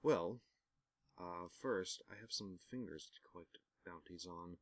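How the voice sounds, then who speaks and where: A man's voice: low voice, a little slow, a bit bright, no echo. A man giving casual let's-play commentary on a game, with wry, self-mocking asides. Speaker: gaming commentator.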